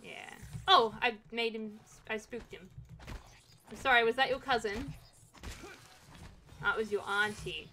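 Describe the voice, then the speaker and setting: Bright-voiced woman streamer, chatty and sweary. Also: on the high side, measured pace, pauses often, a little hiss or hum. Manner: chatty, swears, jokey asides. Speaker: game streamer. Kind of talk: casual let's-play commentary.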